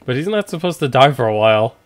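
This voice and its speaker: A man's voice: mid-range voice, sing-song, quick pace. A young man giving casual game commentary as a let's play streamer. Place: small room indoors.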